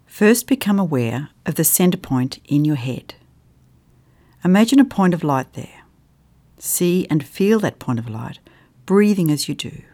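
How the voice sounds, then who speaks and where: A meditation guide leading a guided meditation in a calm, soft delivery with long pauses, sometimes dropping into a soft whisper. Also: medium pitch.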